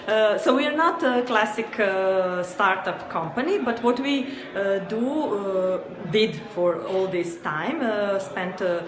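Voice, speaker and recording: Speaking slowly with hardly any pauses, this medium-pitched female guest, a co-founder of a company from Serbia, hesitates through interview answers with many fillers and small laughs in her Serbian accent. A crowd fills the noisy event space, and the sound echoes.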